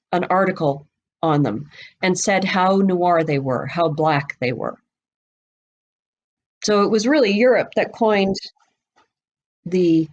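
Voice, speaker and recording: With a medium-pitched, somewhat dark voice, a woman guesting on a book podcast talks conversationally and at length about literary history, clearly knowing her subject. The audio quality is lo-fi.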